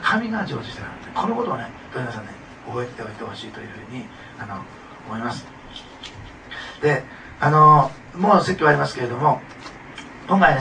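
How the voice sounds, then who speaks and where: This pastor's voice is on the high side with a sharp tone. He preaches in a conversational way, often laughing and questioning the congregation. Picked up by a distant mic, the audio carries clear background noise.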